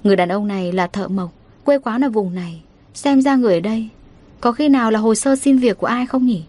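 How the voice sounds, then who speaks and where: Woman storyteller, steady and emotive first-person narration, mid pitch.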